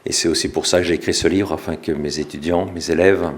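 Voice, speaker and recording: A middle-aged French man, an author, giving a relaxed public talk with small self-corrections. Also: low-pitched, quick pace. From France. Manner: relaxed, self-deprecating, with restarts. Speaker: author and speaker.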